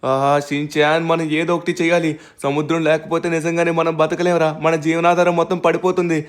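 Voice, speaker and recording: A young man hosting a gaming channel, narrating a game story with excited exclamations. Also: on the high side, brisk. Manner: excitable, exclaiming, reacting aloud.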